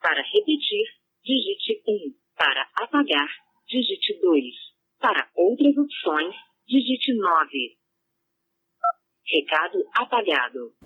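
A woman voicing an automated voicemail system, with a flat, mechanical delivery. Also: medium pitch, takes it slowly, long pauses, breathy edge, full character voice. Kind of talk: automated phone menu. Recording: tinny phone line.

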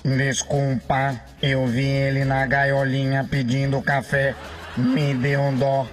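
Robotic old man, half-machine speech-aid voice, dead flat, slow. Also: medium pitch. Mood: deadpan. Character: old man talking through a throat voice device. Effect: half-robot buzzing voice from a speech aid. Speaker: guest on a comedy radio sketch. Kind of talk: comedy radio sketch.

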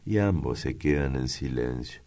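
A man reading a novel aloud in a measured, deliberate way. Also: rumbling low, lively intonation, a little mellow. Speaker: audiobook reader. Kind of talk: literary narration.

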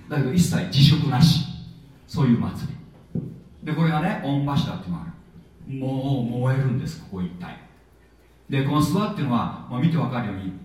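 A man preaching a sermon in a chatty, lively way, with plenty of filler words. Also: mid-range voice. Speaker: pastor. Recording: echoey hall, voice from far off.

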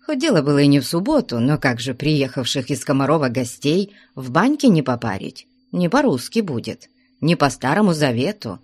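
A woman reading a classic novel aloud as audiobook narrator, measured and steady. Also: sits low, breathy edge, dry recording. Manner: measured storytelling. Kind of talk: scripted narration.

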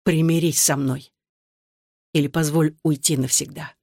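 A reader voicing an anguished, bitter soldier husband who speaks low and clipped through gritted teeth, in an audiobook. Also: male voice, little pitch movement, measured pace, creaky, darkish tone, no echo, studio quality. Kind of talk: audiobook dialogue.

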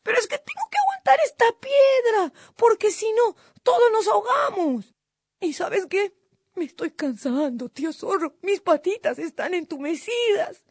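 A woman doing a tiny trickster guinea pig, very high and squeaky, whiny fake moaning, storybook voice, dry mic. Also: big pitch swings, moderate pace, no echo, heavily acted. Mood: whining. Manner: whiny feigned moaning, pleading. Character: small clever male guinea pig, sly trickster. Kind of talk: storybook narration.

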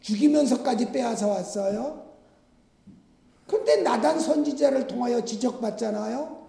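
A man's voice: very high-pitched, normal speed, creaky, mellow, heavy reverb, in a large hall. A man, a pastor, preaching a sermon in a conversational way with rhetorical questions.

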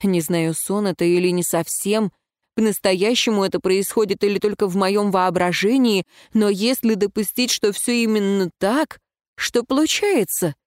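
A woman reading a first-person story aloud in an even, reflective narration. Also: medium pitch, normal speed, no echo, studio quality. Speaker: audiobook narrator.

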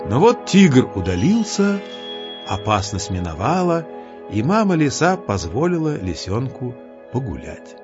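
Guy narrating a kids tale, super expressive, music under him, sound a little dull. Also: mid-range voice, unhurried. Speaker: storyteller. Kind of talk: expressive scripted children's story narration.

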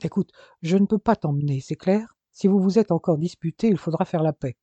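A busy father brushes his son off in a quick, practical way, read aloud by a storyteller. The voice is warm and dark, set in a dry, close recording. It sounds like an audiobook chapter. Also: medium pitch, no room sound, lo-fi sound, natural voice. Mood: brisk. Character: busy, brisk father, adult man.

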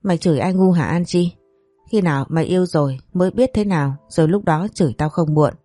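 A woman's voice: on the low side, fast talker, mellow, no echo, soft background music, close to an everyday voice. A woman voicing an exasperated young woman friend.

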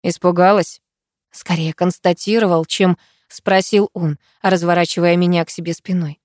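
A woman reading a first-person novel aloud as an audiobook narrator, with an emotional, expressive delivery. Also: on the low side, moderate pace, dry recording, clean studio sound.

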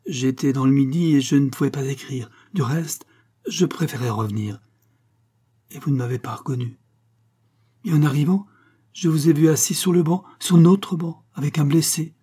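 A man's voice: mid-range voice, normal speed, dark tone, slightly rough, close to an everyday voice. A man voicing a wounded young soldier who pleads with rising emotion. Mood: pleading.

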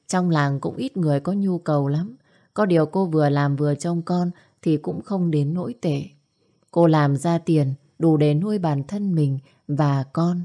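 A woman narrating an audio story in a steady, even read. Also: low-pitched.

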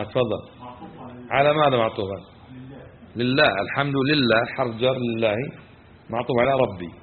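A man's voice: medium pitch, a little hiss or hum. A man teaching a religious lesson, questioning his listeners and repeating key phrases. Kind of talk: classroom lesson explaining scripture. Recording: tinny phone-like sound with long hall reverb.

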